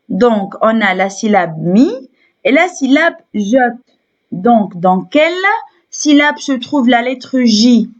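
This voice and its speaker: A woman's voice: on the high side, dull audio. A woman teacher with a Tunisian French accent gives a phonics lesson to young children. She spells letters aloud and repeats each syllable several times. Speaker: primary school teacher.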